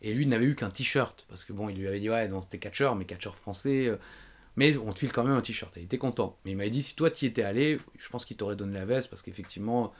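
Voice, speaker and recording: A man's voice: fairly low pitch, fast talker. A man hosting a podcast, chatting casually and telling rambling, self-mocking travel anecdotes. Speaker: podcast host.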